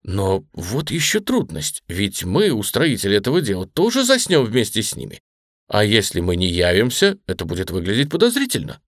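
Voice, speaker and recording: A man puts on a fawning male timekeeper from a storybook, excitable and pleading. His voice bounces up high on exclamations and swings widely. The sound is dry and close, with no room around it. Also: moderate pace, no room sound. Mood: excited. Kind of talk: audiobook character reading.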